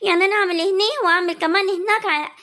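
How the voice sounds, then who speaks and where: A woman's voice: extremely high pitch, fairly even intonation, bright, forceful tone. Woman playing a complaining young village daughter. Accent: rural Egyptian Arabic. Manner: quick, complaining, nagging.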